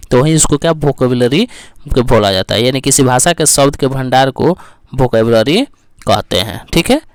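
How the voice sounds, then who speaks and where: Man teaching grammar with a tinge, smooth clear voice, stretches out english words, dry close sound. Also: on the high side, no room sound. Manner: asks the class questions and answers them himself. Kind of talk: lesson.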